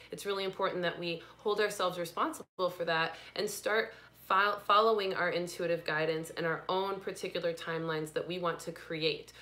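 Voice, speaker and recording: A young woman with a fairly low voice hosts a live spiritual card reading. She talks gently and without hurry, greeting viewers and guiding them through the new year's energy. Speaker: intuitive reader and livestream host.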